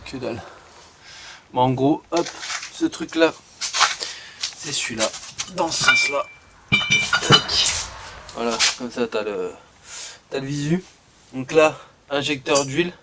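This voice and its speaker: A man films his car in a garage on a handheld phone, talking casually and stopping often with fillers. The recording carries a clear hiss of background noise. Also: mid-range voice, slow, long pauses. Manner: chatty, hesitant with many fillers, pointing things out. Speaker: car enthusiast showing his car.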